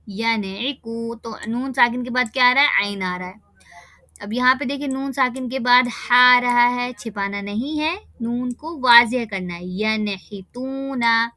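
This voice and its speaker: A woman teaching children Quran recitation rules in an online class, patiently checking if they follow and slowly sounding out examples. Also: a little high, pushed and bright, no room sound, clean studio sound. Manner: patient, checks understanding with "theek hai?".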